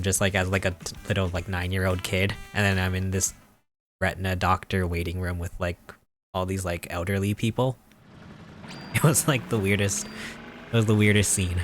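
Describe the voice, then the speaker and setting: Deep but a bit bright, this man's voice belongs to someone in his twenties gaming on a live stream. He chats casually and rambles in a joking, mock-serious way, often chuckling.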